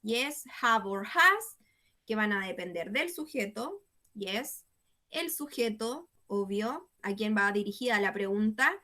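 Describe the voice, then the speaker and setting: A woman's voice: medium pitch, expressive, a little slow, bright, forceful tone. A woman teaching an English class. She explains patiently and repeats herself, checking in with a questioning "yes?" after nearly every phrase.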